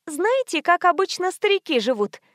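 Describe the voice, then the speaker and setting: A chatty young nurse lifts her voice high and sweet, eager to please, played by a woman narrating a storybook. The sound is dry and close. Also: sing-song, normal speed, fairly bright tone, no room sound, exaggerated voice.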